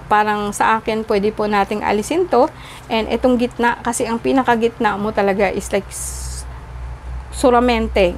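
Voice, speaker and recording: A woman's voice: mid-range voice, a little hiss or hum. Polite woman tarot reader, "no?" after every sentence. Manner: polite, tags nearly every sentence with a questioning "no?"; mixes English into her talk. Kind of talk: tarot reading addressed to the viewer.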